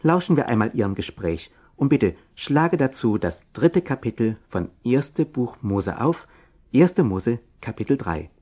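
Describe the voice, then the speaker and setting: A man's voice: mid-range voice, big pitch swings, a little slow, warm tone, breathy edge. A man presenting a children's Bible program in scripted narration, instructing listeners directly.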